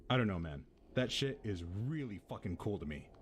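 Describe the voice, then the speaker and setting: A man's voice: fairly low pitch, big pitch swings, fairly quick, slight background noise. A man with an American accent playing a laid-back, foul-mouthed tenant who rambles through an eerie story in casual audio-drama style. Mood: intrigued.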